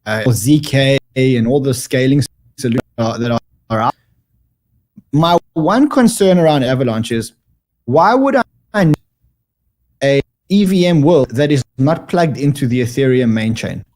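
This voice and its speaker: A man's voice: medium pitch, expressive, unhurried, a little mellow. A man joins over a video call whose audio clips and distorts, with some lines sounding set back from the mic. He talks emphatically and repeats words as he restarts his sentences. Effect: clipping, distorted audio. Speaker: guest commentator. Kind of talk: remote interview discussion.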